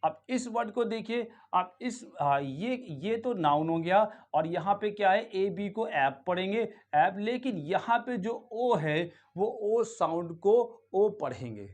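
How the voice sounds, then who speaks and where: Indian guy teaching pronunciation, high voice, keeps asking then repeating the answer. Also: lively intonation, slow pace, hardly any pauses, a little mellow. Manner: asks rhetorical questions and repeats the answer; drills words by saying them again and again. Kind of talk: classroom-style pronunciation lesson.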